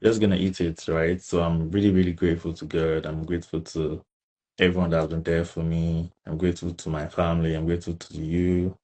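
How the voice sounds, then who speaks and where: Deep-voiced and fairly quick, a young adult interview guest with a Nigerian accent keeps a level, darkish tone while chatting casually. Emphatic repetition and frequent "right" and "you know" tags mark his speech.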